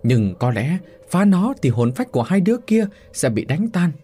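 A male storyteller doing an elderly village shaman, protective and grave, pressing the others to hurry. The voice is husky and low-toned. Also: very animated, moderate pace, warm tone. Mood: urgent. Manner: urgent, grave.

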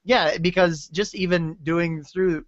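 A man's voice: fairly high pitch, fairly even intonation, takes it slowly, dry recording, dull audio. A man co-hosting a podcast, offering his take on a TV episode with hesitant, filler-heavy phrasing. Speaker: podcast co-host. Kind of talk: casual TV episode discussion.

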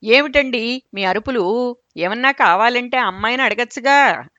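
A woman narrator playing an old wife who stretches her words as she scolds her husband. Her voice sits high and drawn out. The sound is muffled and dry. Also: expressive, fairly bright tone, no echo. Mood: complaining. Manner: drawn-out, drawling. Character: drawling old wife who talks back.

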